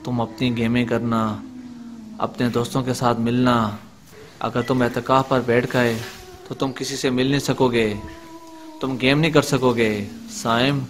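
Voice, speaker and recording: A man's voice: mid-range voice, little pitch movement, unhurried, slight background noise, lightly acted. A man playing a male devil who keeps coaxing a boy, repeating his name over and over in a wheedling way.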